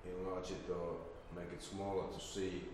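A middle-aged man whose voice sits low and sounds a little mellow gives a flat, halting, hesitant informal presentation with slides. Recorded in an indoor seminar room with a projector screen by a distant camera mic, the audio is roomy and echoey, carrying faint noise.

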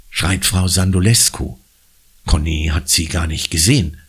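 A deep, husky man reads a children's audiobook, expressive and unhurried. His pitch swings widely as he tells the story. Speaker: audiobook reader.

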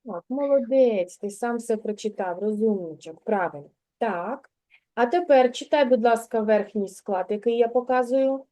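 Kindergarten teacher lady, kinda high mellow voice, patient and encouraging, walks a kid through sounds one step at a time. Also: moderate pace. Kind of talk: one-on-one literacy lesson with a child.

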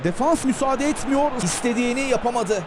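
A man giving live football commentary in an excited manner, screaming at shots and goals. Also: very high-pitched, brisk. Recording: loud crowd noise behind. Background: stadium crowd.

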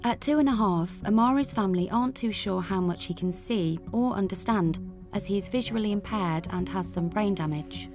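A woman giving measured scripted documentary narration. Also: medium pitch. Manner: measured, even delivery. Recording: voice-over with music bed.

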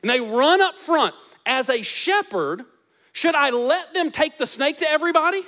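At a normal speed and with an animated manner, a man in his forties preaches as pastor into a handheld mic on a large church stage. He moves between loud emphasis and soft, low speech.

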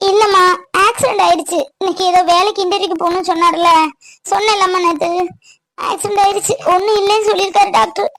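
Woman voicing an anxious young wife in a cartoon, high squeaky voice. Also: steady tone, quick pace, a bit bright, a little hiss or hum. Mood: worried. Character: worried young wife, soft-spoken. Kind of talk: dubbed cartoon voice acting.

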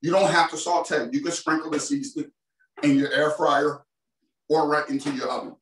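A man in his forties with a fairly high voice, fairly even intonation and a moderate pace hosts a casual, enthusiastic cooking demo in his home kitchen, speaking directly to viewers. He's recorded from a distance on a camera mic, so the room sounds spacious.

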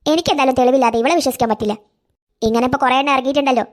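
A woman voicing a suspicious, sharp-tongued middle-aged aunt in a cartoon, scornful and accusing. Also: high voice, fairly even intonation, racing, natural voice.

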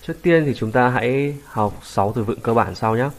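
A man teaching beginners an English grammar lesson, patiently repeating each English phrase slowly for learners, a native Vietnamese speaker. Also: medium pitch, animated.

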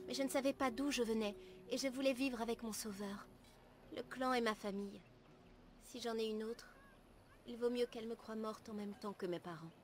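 A woman playing an earnest, gentle young elf apprentice in a video game, speaking formally and in measured, literary phrases. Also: a little high, a little hiss or hum, natural voice. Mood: earnest, resigned. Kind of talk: video game dialogue acting. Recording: music behind the voice.

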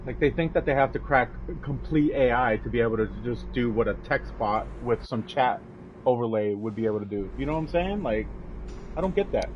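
A man commentates casually while playing a game. He rambles and mutters to himself in a mid-pitched voice. The recording is dull and lo-fi, with noise behind him. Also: expressive, a little fast. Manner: rambling, muttering to himself, acting out little exchanges. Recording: dull lo-fi mic, clear background noise.

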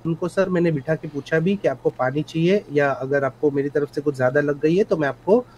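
A man's voice: a little high, brisk, a little mellow, muffled recording, slight background noise. Politely insistent man testifying in role-play. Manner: polite, insistent, mixes English phrases into Hindi. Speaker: police officer in a role-play court hearing.

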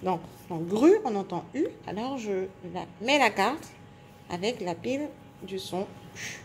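A woman teacher giving a phonics lesson to young children, speaking slowly and clearly articulating, stretching out sounds and syllables. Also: medium pitch, expressive, a little hiss or hum. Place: indoors at a table.

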